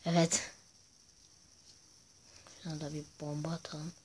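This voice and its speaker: A man's voice: a little high, completely flat delivery, measured pace, darkish tone, slight background noise. A man giving casual gameplay commentary to viewers, chatty and full of crude jokes. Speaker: gaming YouTuber host.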